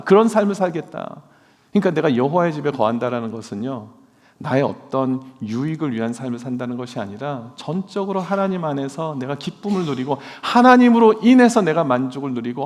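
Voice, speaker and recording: A male pastor preaching a sermon in a church, earnestly asking his congregation questions. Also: fairly high pitch. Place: church sanctuary. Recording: long church hall reverb.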